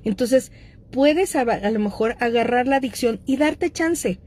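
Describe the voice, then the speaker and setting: Mexican woman with a higher voice. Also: expressive, unhurried, darkish tone, husky. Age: middle-aged. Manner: conversational, addresses listeners directly, frequent fillers. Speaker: host speaking on addictions. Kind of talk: casual talk to an audience.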